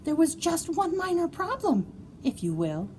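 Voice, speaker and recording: Very animated, high-voiced woman reading a storybook. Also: a little hiss or hum. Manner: expressive, playful, dramatic emphasis and drawn-out words. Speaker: storybook reader. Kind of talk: animated children's story read-aloud.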